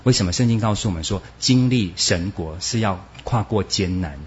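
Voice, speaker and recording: A man preaching a sermon, animated and acting out quoted voices, with Hokkien words mixed in. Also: deep voice, normal speed. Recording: dull lo-fi recording.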